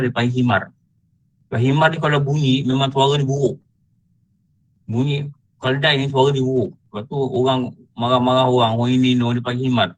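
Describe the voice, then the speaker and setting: A middle-aged religious teacher with a Malaysian Malay accent gives an online lecture as a story. His mid-pitched voice is colloquial and animated, climbing high for emphasis and dropping low again. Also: rough recording.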